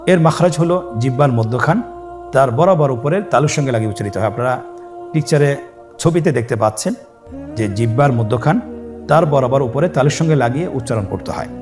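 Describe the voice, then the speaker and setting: A man teaching Arabic letters step by step, leading students to repeat after him with slow, drawn-out letter names. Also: mid-range voice. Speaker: Quran teacher. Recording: faint background music.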